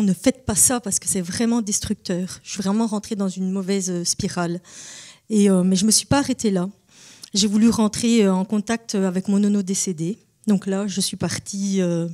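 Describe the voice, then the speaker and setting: A woman in her thirties from an Italian family background offers testimony at a church baptism service. Her medium-pitched, darkish voice sounds earnest and hesitant, with many fillers.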